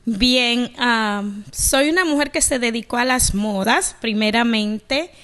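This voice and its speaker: A woman's voice: a little high, takes it slowly, fairly bright tone. A middle-aged woman from the Dominican Republic, a guest on a radio show, earnestly telling her life story. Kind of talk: radio interview, personal testimony.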